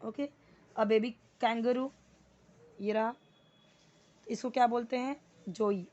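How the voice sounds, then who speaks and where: A woman's voice: on the high side, steady tone, slow pace, darkish tone, dull audio. A woman teaching an English vocabulary lesson, asking questions and answering them herself, repeating each word for practice. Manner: asks questions then answers them, repeats words for drill.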